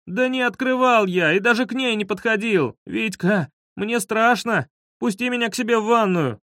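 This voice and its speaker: A man voicing a frightened schoolboy in an audiobook, crying out in high, panicky pleas. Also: drawn-out words, a little mellow, no echo, clean studio sound. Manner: high, panicky pleading cries. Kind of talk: audiobook reading.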